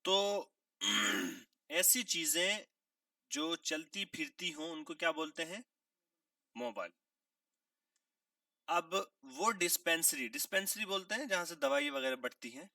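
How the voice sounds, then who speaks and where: Lively, gravelly-voiced man teaching vocabulary. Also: high-pitched, long pauses, no room sound, studio quality, distant mic. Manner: asks questions and answers them himself, repeating key words; clears his throat now and then. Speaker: English teacher. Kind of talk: classroom vocabulary lesson.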